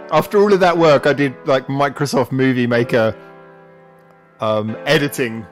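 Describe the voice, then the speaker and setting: A young man hosts a relaxed live stream from his computer. His voice sits at a medium pitch, and his chat rambles with frequent laughs. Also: measured pace, faint music behind. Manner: rambling and chatty, laughs often.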